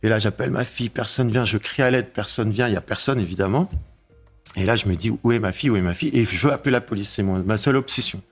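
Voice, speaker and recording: A man's voice: on the low side, soft background music. Shaken man telling a frightening story. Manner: halting, repeats himself, shouts when reliving moments. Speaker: interviewee recounting a break-in. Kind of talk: emotional testimony.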